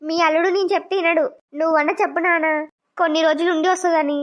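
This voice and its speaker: A woman's voice: very high-pitched, steady tone, racing. A woman voicing a spoiled young married daughter who pleads and whines, on a dull lo-fi recording. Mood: pleading. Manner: whiny, pleading.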